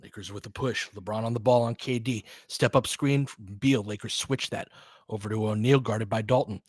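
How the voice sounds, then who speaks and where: A man hosts a live audio basketball broadcast, blending play-by-play with loose analysis and openly cheering for his team in an informal style. His voice is lowish, darkish, and slightly rough, with a steady tone and moderate pace. The recording is close and dry.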